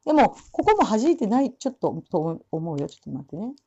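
Mellow-voiced woman teaching pronunciation. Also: mid-range voice, big pitch swings, husky. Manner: demonstrates English sounds slowly between explanations. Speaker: English pronunciation teacher for singers. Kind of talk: relaxed spoken lesson. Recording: dull lo-fi sound.

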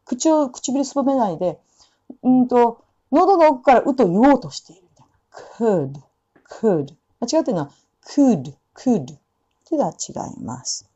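Lively woman teaching pronunciation, lo-fi. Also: on the high side, husky. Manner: demonstrates English sounds slowly, repeating phrases. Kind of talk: pronunciation lesson. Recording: dull lo-fi sound.

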